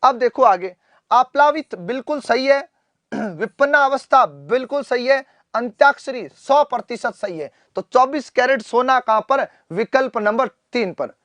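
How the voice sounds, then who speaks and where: A male teacher runs a live online class, quizzing students, repeating each answer and calling them "beta". He clears his throat often. The sound is close and dry. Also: very high-pitched, lively intonation, a little slow, a bit bright, no room sound. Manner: addresses students fondly as "beta". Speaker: Hindi teacher.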